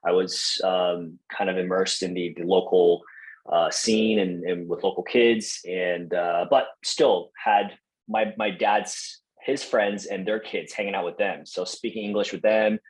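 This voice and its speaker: On a rough recording, a Taiwanese young man speaks as a podcast guest in a low, steady voice at a measured pace. The interview chat is relaxed and friendly, full of fillers and restarts.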